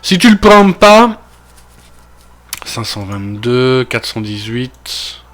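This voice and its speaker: A man's voice: mid-range voice, big pitch swings, slow, fairly bright tone. Belgian man thinking aloud over gameplay. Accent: Belgian French. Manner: thinking aloud, many fillers and trailing asides. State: recovering from a cold. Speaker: gaming video creator. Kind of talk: casual gameplay commentary.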